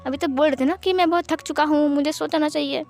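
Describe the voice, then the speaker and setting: A woman's voice: high-pitched, steady tone, quick pace, a little mellow, faint music behind. A woman voicing a teasing, possessive young husband in a storybook fan-fiction reading, bossy one moment and doting the next.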